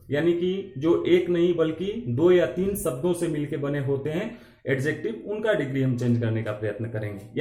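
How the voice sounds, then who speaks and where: A man teaching an English grammar lesson in Hindi, explaining slowly and repeating key terms. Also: fairly high pitch, warm tone. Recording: echoey room.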